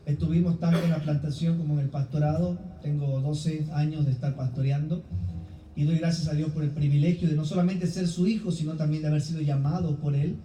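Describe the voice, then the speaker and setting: Recorded from a distance in a church hall, this guest preacher is a middle-aged man with an Ecuadorian Spanish accent, introducing himself and then giving a sermon to the congregation. His mellow voice is fairly high-pitched, fairly quick, and fairly even in intonation. The sound is roomy with faint background noise.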